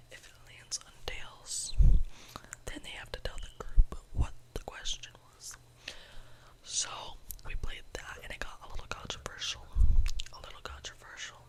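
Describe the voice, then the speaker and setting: Young adult ASMR creator, fully whispered through cupped hands, breathy and close, lingering on repeated phrases. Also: rough recording. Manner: repeats phrases slowly for effect.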